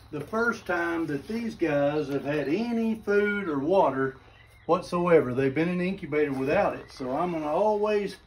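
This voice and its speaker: Outdoors around a barn and backyard, a man records a casual how-to vlog about homesteading on a phone camera at arm's length. He's chatty and folksy, dropping "y'all," in a fairly high, slightly mellow voice, with a little hiss or hum in the audio.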